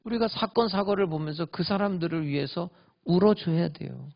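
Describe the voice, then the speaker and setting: A male pastor preaching a sermon, swinging between loud emphatic lines and hushed whispers. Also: high-pitched, normal speed, vocal fry, lo-fi sound. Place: church sanctuary.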